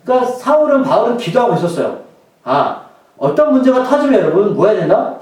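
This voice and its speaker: A man's voice: very high-pitched, sing-song, fast, darkish tone, heavy reverb, far from the mic, poor audio. A male pastor delivering a sermon in a conversational way, often throwing questions to the congregation.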